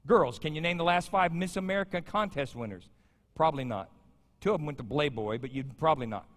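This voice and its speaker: Joking and chatting with his congregation, a pastor in his fifties preaches at a quick pace in an expressive, fairly bright, slightly high voice that swoops up and down. The sermon echoes with the long reverb of a large sanctuary.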